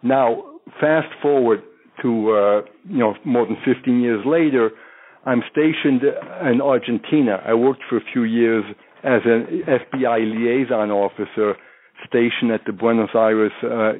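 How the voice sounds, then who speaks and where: This French-born man, raised in the United States and a native French speaker, is a retired undercover agent in his fifties telling stories of his cases in an interview. His mid-range voice keeps a measured pace, though he rambles with plenty of fillers and restarts. The sound comes through a tinny phone line.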